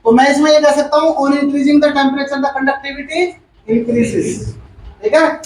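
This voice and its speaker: Guy teaching class, really high voice, repeats stuff and quizzes students, sounds far off in a room. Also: little pitch movement, takes it slowly, darkish tone, slight background noise. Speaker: chemistry teacher. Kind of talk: classroom lecture. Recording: echoey room, far from the mic.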